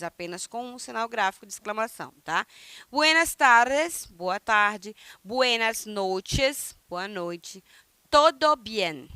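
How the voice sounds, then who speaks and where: Bright, crisp Brazilian woman teaching Spanish. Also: fairly high pitch, no room sound. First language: Portuguese. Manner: slow, emphatic modeling of phrases, then quick asides with frequent "né?" and "tá?". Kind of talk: recorded online language lesson.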